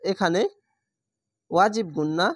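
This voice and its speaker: Slow, careful male Quran reading teacher. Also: high voice, no echo, studio quality. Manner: spells out letters and vowel marks syllable by syllable. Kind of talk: Quran spelling lesson.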